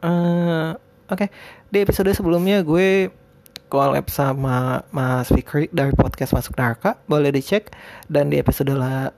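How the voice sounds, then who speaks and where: Lisping man, higher-pitched casual podcaster. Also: a little mellow. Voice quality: lisped r sounds (cadel). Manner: rambling, hesitant, informal. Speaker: podcast host. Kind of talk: casual solo podcast talk.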